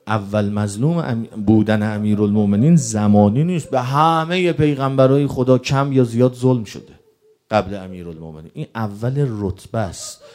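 Male preacher, mellow dark tone, mourning sermon, lamenting storyteller. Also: lowish voice. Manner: lamenting, grief-stricken delivery; storytelling, quoting old accounts.

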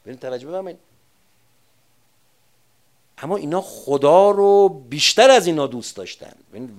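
An older man giving a sermon, moving between quiet personal recollection and loud, emphatic preaching. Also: on the high side. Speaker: religious speaker. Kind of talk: sermon with personal war memories.

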